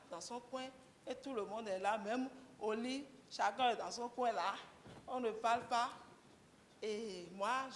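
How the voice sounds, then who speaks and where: Woman, guest speaker, unhurried and candid, faint room hum behind. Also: on the high side, long reverb tail. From Benin. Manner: candid, conversational, gently humorous. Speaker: guest speaker, mechanic and garage co-owner. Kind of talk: candid talk to a breakfast audience.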